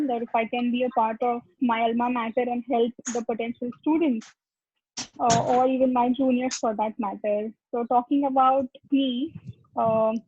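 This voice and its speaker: A fairly high, husky-voiced woman talks earnestly as a panelist, pausing often on fillers. Her voice comes through a video call with a thin, phone-like tinniness and a dry, close sound. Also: no room sound. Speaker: assistant lecturer, panelist. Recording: tinny lo-fi call audio.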